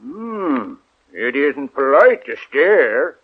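A man's voice: medium pitch, sing-song, very slow, husky, exaggerated voice. A man voicing a haughty, curt male caterpillar who questions a little girl in an old radio play. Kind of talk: 1940s radio acting. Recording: tinny old radio broadcast.

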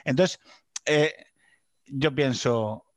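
A man hosts a podcast in relaxed chat, hesitating and restarting as he thinks aloud. His voice sits at an ordinary middle pitch. The recording is dry and close. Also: extremely slow, no room sound. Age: young adult to middle-aged, father of three. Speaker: podcast host. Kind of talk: casual chat.

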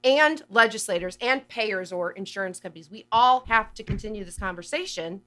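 A woman's voice: medium pitch, expressive, brisk, bright, forceful tone, slight background noise. A woman patient advocate speaking as a guest in an interview, earnest and passionate, often restarting phrases. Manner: earnest, passionate, repeats words when thinking. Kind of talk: conversational interview.

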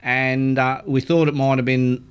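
A man's voice: medium pitch, level tone, unhurried, smooth. An Australian man hosting a radio show with casual, chatty talk.

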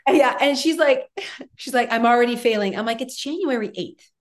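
A lively woman, chatting casually as a podcast co-host. Her voice sits a little high, and she acts out other people's words as she tells a story. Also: normal speed. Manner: animated storyteller, acts out quoted talk. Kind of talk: casual chat.

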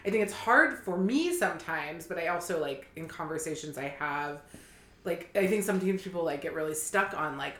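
A woman's voice: lowish voice, lively intonation, a little fast, a bit bright, reverberant. A woman co-hosting a podcast, musing aloud in casual chat with many "like"s. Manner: musing, heavy use of "like". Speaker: podcast co-host.

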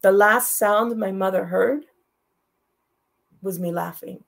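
A woman's voice: medium pitch, takes it slowly, gravelly. A middle-aged woman telling a personal story as a guest, in a direct and heartfelt way, repeating her phrases. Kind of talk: emotional storytelling.

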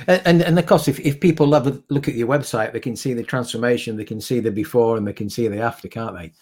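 A man hosts a casual live stream, talking in a chatty way with frequent restarts and repeated words. His voice sits at an average pitch for a man. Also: quick pace, darkish tone, husky. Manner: chatty, repetitive restarts, friendly laughs. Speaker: host.

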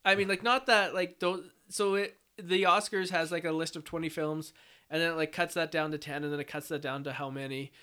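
Bright, clear, higher-pitched man chatting casually. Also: steady tone, brisk. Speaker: film podcast panelist. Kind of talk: casual excited chat.

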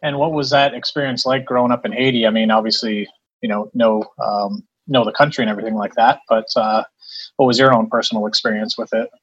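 A man hosting a podcast, asking quick, encouraging questions in a casual interview. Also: medium pitch, steady tone, husky, dull audio.

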